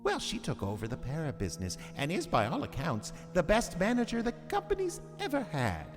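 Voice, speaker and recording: Creepy gleeful warlock horror host, super swoopy pitch, slow n theatrical, music behind him. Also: male voice, huge pitch swings. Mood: sardonic relish. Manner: theatrical, savoring, sardonic, drawn-out delivery. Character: Winter Warlock, ghoulish male horror host, gleefully macabre. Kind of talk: theatrical horror radio narration. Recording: long reverb, music behind.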